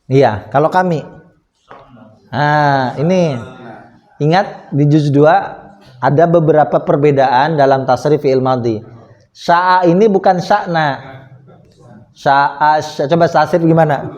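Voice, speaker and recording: A man with an Indonesian accent teaching Arabic grammar to a class, asking questions and answering them patiently. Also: fairly high pitch. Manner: slow, patient, asks and answers his own questions. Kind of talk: classroom lesson with questions to students. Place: small prayer room.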